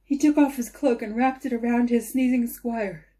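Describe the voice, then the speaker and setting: A woman's voice: a little high, fairly even intonation, moderate pace, mellow. A sniffly woman with a congested, sneezy air, reading a story aloud with casual asides. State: sniffly, sneezy, interrupted by coughs. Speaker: fiction reader.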